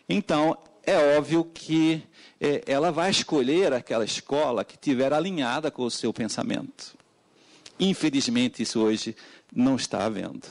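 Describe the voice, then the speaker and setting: An educator in middle age gives formal testimony at a public hearing in a European Portuguese accent; he is from Portugal. He often hesitates with fillers, then rises suddenly and emphatically in pitch.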